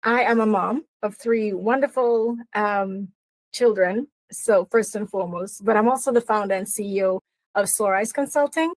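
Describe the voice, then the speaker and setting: A middle-aged woman from Trinidad and Tobago, speaking with a Trinidadian accent, earnestly discusses her career coaching as an interview guest, using lots of fillers and restarts. Her medium-pitched voice moves at a normal speed, and the audio is poor though free of echo.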